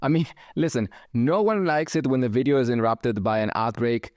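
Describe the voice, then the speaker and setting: A channel host born in Germany and raised in Chile speaks with a mixed German and Spanish accent, his medium-pitched voice brisk and a little mellow. The recording is lo-fi with no room sound. Reading comments, he offers casual, wry, conversational commentary with occasional chuckles.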